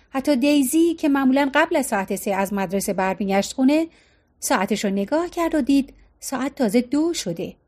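A woman narrating a novel in a steady storytelling manner. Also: sits high. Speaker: audiobook narrator.

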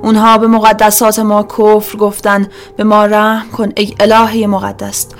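A woman's voice: mid-range voice, monotone, faint music behind, natural voice. A woman doing a zealous cult henchman. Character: fanatical male cult enforcer.

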